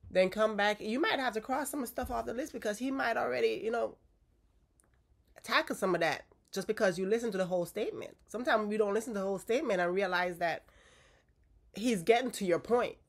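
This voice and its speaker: A woman in her forties, stuffy with a cold, gives her viewers direct, coaching-style relationship advice in a casual chat. Her creaky, medium-pitched voice moves fairly quickly, and she keeps checking in with "okay?"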